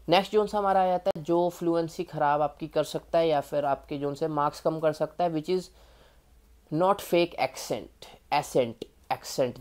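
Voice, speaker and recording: A man's voice: on the high side, darkish tone. A man with an Indian accent giving a casual spoken tutorial on exam preparation, chatty and informal, speaking straight to the viewer. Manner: chatty and informal, calling the viewer "yaar" and "bhai".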